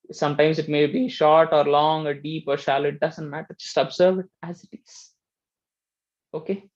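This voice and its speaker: A man teaching meditation in a gentle, explaining way, often checking in with "right?". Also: fairly high pitch, muffled recording. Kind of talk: casual spiritual teaching talk.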